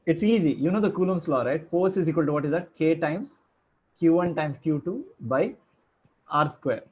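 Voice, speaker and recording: A man teaching an online class, joking around and firing questions at his students. His voice sits fairly high and sounds a little husky. The audio is dull and lo-fi, picked up by a computer mic on a video call. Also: expressive, moderate pace, a little mellow. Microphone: computer microphone on a video call.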